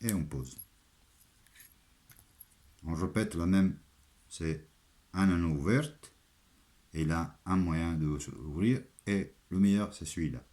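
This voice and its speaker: An armourer from Italy gives a hands-on craft tutorial in French, his Italian accent clearly foreign. His voice is deep and warm, and he walks through each step haltingly, using simple phrases that he repeats.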